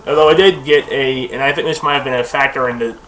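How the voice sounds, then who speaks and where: A man's voice: mid-range voice, fairly even intonation, fast talker, background noise. A young man talking casually at his computer, rambling with lots of fillers, restarts and tangents. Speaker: video host.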